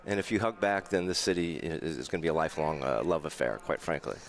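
A man's voice: very deep voice, fast talker, gravelly. A man with a New York accent from the Bronx, a hotel general manager speaking as a radio guest, telling history with frequent stammered restarts.

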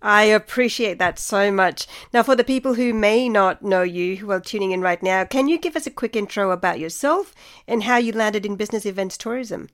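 A woman's voice: mid-range voice, a little fast. A woman speaking as a podcast host, presenting her show and putting questions to a guest. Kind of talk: podcast introduction and interviewing.

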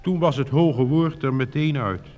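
A man reading a fairy tale aloud in a slow, lilting storytelling manner. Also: medium pitch, darkish tone, muffled recording. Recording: reverberant recording with faint hiss.

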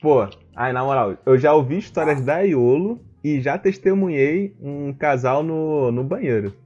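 Dull-sounding recording of a lively, slangy man. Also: fairly high pitch, unhurried, soft background music. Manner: slangy, interjecting. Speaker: podcast panelist. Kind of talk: casual bantering chat. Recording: dull, band-limited sound.

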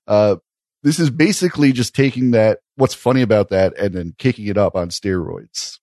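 A man co-hosting a podcast, talking in a thoughtful, wry way with frequent "uh" pauses. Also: lowish voice, darkish tone, no room sound, studio quality. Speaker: podcast co-host reviewing sketch comedy. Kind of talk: casual chat.

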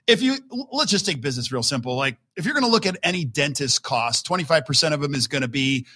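A man's voice: on the high side, expressive, fast, pushed and bright, slightly rough. A man of fifty hosting a podcast interview in a chatty, agreeable way. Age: 50s. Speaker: podcast host.

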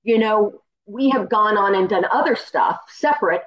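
A woman in her sixties who grew up in Colorado recalls her early years as a dancer, relaxed and reflective. Her voice is mid-pitched, and the audio sounds slightly dull and muffled. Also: normal speed. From Colorado, USA. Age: 60s. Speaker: guest, dancer. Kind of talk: interview storytelling.

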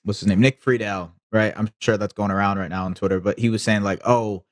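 Male sports podcast guest, lowish voice, conversational, very dry sound. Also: steady tone, fast, dry recording. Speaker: guest, basketball reporter and podcaster. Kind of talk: casual sports chat.

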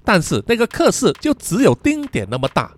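A man from Southeast Asia narrating a horror story in a suspenseful, expressive way, over soft background music. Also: high-pitched, a little fast.

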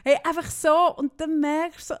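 A woman with a Swiss German accent chats casually and spins everyday anecdotes. She acts out both sides of a conversation as she goes. Her voice sits somewhat high. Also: normal speed. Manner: lively storyteller, acts out dialogue in anecdotes. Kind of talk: casual chat.

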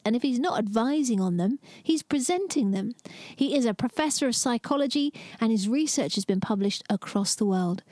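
A woman's voice: a little high, darkish tone, no echo, clean studio sound. Chatty woman podcasting from inside a small trailer. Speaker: podcast host. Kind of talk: upbeat solo podcast monologue.

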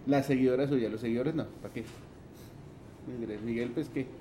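A man's voice: medium pitch, fairly quick, noisy background. A man co-hosting a casual tech podcast, cracking jokes and bantering. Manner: wisecracking, banters. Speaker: podcast co-host.

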